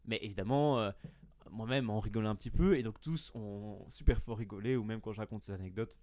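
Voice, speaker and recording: A man's voice: lowish voice, fairly quick, darkish tone. A young man, a podcast guest, telling a self-mocking story in casual chat, full of hesitations and fillers.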